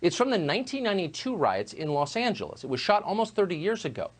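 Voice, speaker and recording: A man delivering a scripted opinion monologue as a news host, measured and emphatic. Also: high-pitched, sing-song.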